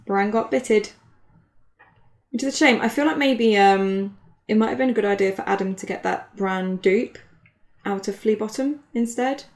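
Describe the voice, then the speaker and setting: A woman's voice: medium pitch, moderate pace. Giggly woman commentating a card match. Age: 20s. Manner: giggly, chatty, laughs often. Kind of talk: casual live match commentary.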